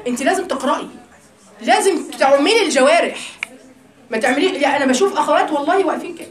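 A woman with an Egyptian Arabic accent giving a religious lesson to a group of women, talking in a lively, teasing, conversational way. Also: sits high, rapid-fire, reverberant. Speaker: religious teacher.

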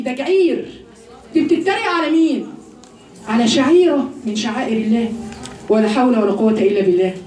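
Fast, high-voiced Egyptian woman preaching. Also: slight background noise. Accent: Egyptian Arabic. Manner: lively, rhetorical questions, slows to recite verses. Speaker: religious teacher addressing women. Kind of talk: religious lesson with Quran recitation. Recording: roomy echo, voice from a distance.

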